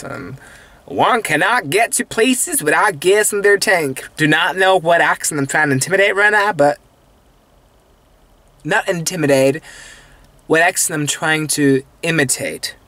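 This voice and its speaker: A man's voice: a little high, creaky, sharp tone. A young man in his twenties, not a native English speaker, rambling playfully and mocking himself in a late-night vlog from a parked car, filmed on a phone held at arm's length. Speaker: vlogger. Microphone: phone camera held at arm's length.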